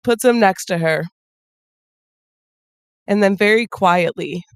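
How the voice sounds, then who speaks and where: A woman playing a tabletop game, quietly and deliberately narrating what her character does. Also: medium pitch, smooth, no echo. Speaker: player.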